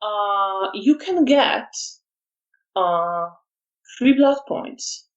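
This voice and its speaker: Give me a woman game master telling a dark scene slowly and steadily. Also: mid-range voice, expressive, muffled recording. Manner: measured scene narration with frequent ums. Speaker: storyteller running a tabletop game. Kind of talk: narrating a tabletop horror game.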